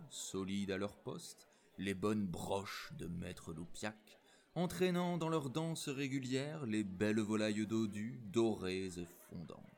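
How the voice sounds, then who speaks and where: A man reading a storybook aloud in an expressive, animated narration. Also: fairly low pitch.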